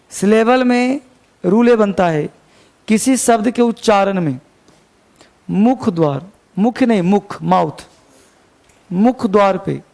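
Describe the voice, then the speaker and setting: Male grammar teacher, high gravelly voice, dictates definitions slowly, quizzes the class. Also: darkish tone. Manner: asks students rhetorical check questions. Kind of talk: classroom lecture.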